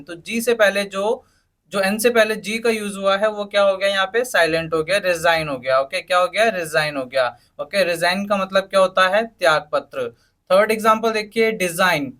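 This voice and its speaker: Man, English teacher, high voice, spells words out letter by letter, quizzing tone. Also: pushed and bright. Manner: asks rhetorical questions and answers them, spells words letter by letter. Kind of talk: spoken English lesson in Hindi.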